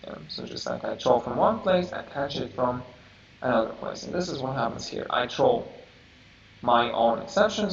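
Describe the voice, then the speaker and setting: A man teaching a programming class, halting and searching for words as he explains, heard from a distance. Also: medium pitch, gravelly, a bit bright. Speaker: programming instructor. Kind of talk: live coding lecture. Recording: roomy, distant, dull lo-fi mic with faint hiss.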